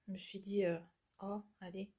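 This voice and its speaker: A woman with a stuffy nose from a cold, chatting casually through a craft unboxing and often dropping to a soft murmur. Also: medium pitch, flat delivery, normal speed, breathy edge. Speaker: cross-stitch vlogger.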